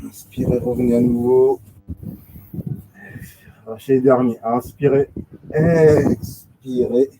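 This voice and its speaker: A man teaching a pilates class, giving steady step-by-step commands, counting reps and repeating cues slowly. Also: mid-range voice. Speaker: pilates instructor. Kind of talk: guided exercise class instruction. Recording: loud background noise.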